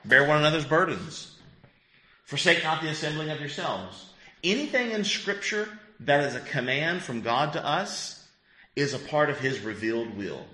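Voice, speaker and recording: A man's voice: on the high side, expressive, normal speed, sharp tone. A man in his fifties, a pastor teaching a Bible class in a conversational way, asking the group questions. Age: 50s. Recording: echoey room.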